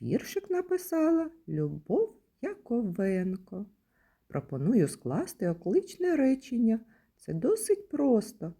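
Slow sing-song woman teaching small children. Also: fairly high pitch, huge pitch swings, mellow, breathy edge. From Ukraine. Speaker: kindergarten teacher. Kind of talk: recorded lesson for young children.

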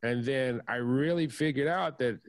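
A man's voice: mid-range voice, moderate pace, dry recording. A man hosting an interview, asking long searching questions that ramble as he thinks aloud. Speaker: interview host. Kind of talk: interview conversation.

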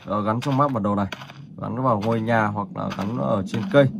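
A man hosting a gaming channel, casually talking viewers through a horror game step by step, with filler pauses. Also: fairly low pitch, gravelly. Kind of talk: casual gameplay commentary. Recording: noticeable background noise.

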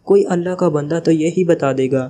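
A man's voice: on the high side, normal speed, mellow, close to an everyday voice. A man reading the part of a sly, joking male spy leader in a teasing, evasive way.

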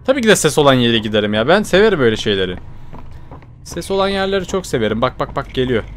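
A young man giving chatty horror game commentary, talking to his viewers, jumping from low mutters to startled shouts. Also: big pitch swings, quick pace, a little hiss or hum. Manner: chatty, addresses viewers directly. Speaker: gaming YouTuber.

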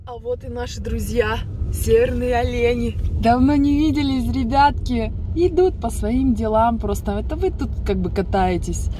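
A woman in her thirties making a casual travel vlog, with lively, playful remarks in the car and outdoors. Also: a little high, normal speed. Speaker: travel vlogger. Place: in a car and outdoors in a rainy forest. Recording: noisy outdoor and car recording.

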